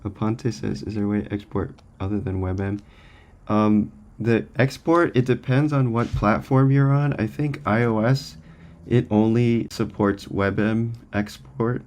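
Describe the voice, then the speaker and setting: Lowish-voiced man thinking aloud on stream. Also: fairly even intonation, a little slow, a little mellow, slight background noise. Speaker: software developer co-hosting stream. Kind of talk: casual livestream chat.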